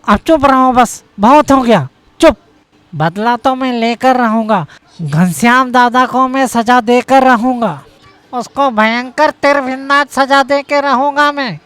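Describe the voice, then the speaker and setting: A voice actor playing a hot-tempered young husband in a cartoon story, blustering and quick to rage. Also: high-pitched, fairly bright tone, smooth, no echo. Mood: raging. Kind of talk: cartoon voice acting.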